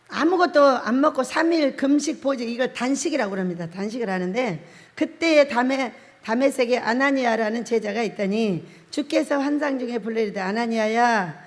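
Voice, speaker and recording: A woman pastor with a fairly high voice preaches in a storytelling way, often breaking into laughter and acting out what people said. Her voice rings with a long reverb, as if she were in a church sanctuary. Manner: chatty storytelling sermon with frequent laughter and acted quotes. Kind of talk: sermon. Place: prayer-house church sanctuary.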